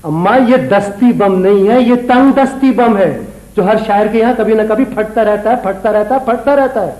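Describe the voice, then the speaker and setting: Actor as a young poet, pompous and flowery, high voice, echoey set. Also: male voice, moderate pace, a little mellow, close to an everyday voice. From Pakistan. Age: young adult. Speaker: son, poet. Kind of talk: studio TV drama acting.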